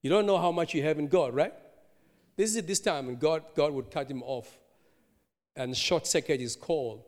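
Male preacher, animated storyteller, higher register, reverberant hall. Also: moderate pace. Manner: animated storytelling, laughing, rhetorical asides. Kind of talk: sermon.

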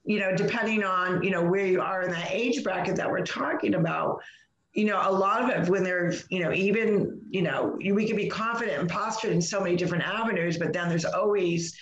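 A woman's voice: mid-range voice, fairly quick, highs cut off, slight background noise. A middle-aged woman chatting casually, rambling through anecdotes and acting out the exchanges, in a roomy, echoing recording. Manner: rambling, acts out quoted exchanges. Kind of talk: casual chatty storytelling in conversation.

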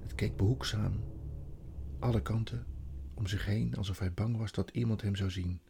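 A man reading a children's storybook aloud, telling the story in an expressive, dramatic way. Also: fairly low pitch, moderate pace, creaky, a little hiss or hum. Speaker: audiobook narrator.

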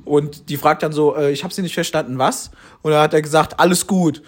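A man's voice: a little high, steady tone, fairly quick. Young male podcast co-host, slangy, tenor-ish voice. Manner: slangy, laughs while telling stories. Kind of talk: casual chat.

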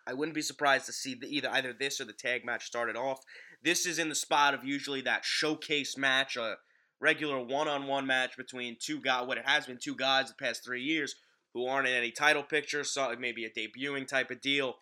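A man's voice: medium pitch, fairly even intonation, a little fast, bright, forceful tone. A man hosting a casual sports podcast, recorded in a home basement. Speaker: podcast host. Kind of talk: casual sports podcast chat about wrestling.

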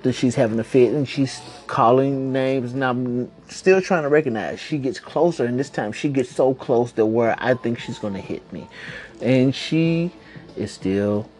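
Guy podcasting from home, loose slangy talk, cusses a lot, mid-pitched voice. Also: measured pace, a little mellow. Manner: rambling, slangy, swears freely. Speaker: podcast host. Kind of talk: casual chat.

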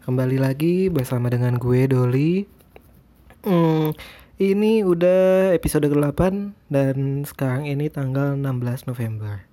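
A man's voice: medium pitch, unhurried, mellow. A man with a speech impediment on his r's chats casually as a solo podcast host, hesitant and rambling. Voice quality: speech impediment, cannot pronounce r cleanly (cadel). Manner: hesitant, rambling, self-deprecating.

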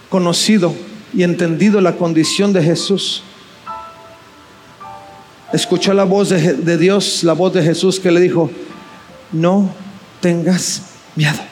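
A man's voice: sits high, a little mellow. A man preaching a sermon with passion, asking rhetorical questions and repeating key phrases. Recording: faint music behind.

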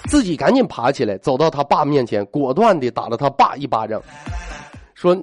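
A male radio host with a mid-range voice works through listener messages on a live call-in show. He tells the jokes briskly and adds dry little comments of his own. Faint electronic music runs quietly behind him. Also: medium pitch, big pitch swings. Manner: joking, quick storytelling with wry asides.

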